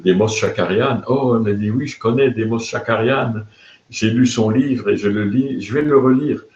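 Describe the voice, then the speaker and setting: A man's voice: on the low side, gravelly, darkish tone. An older man from France, hosting a live video blog and telling stories casually, with many hesitations and fillers. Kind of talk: casual storytelling to camera. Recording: roomy, slightly dull sound.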